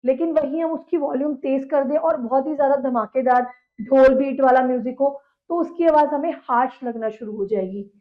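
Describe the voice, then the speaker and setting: A woman teacher giving a science lesson. She reads English sentences slowly and then explains them in quicker, conversational Hindi. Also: high voice. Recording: tinny phone-like audio.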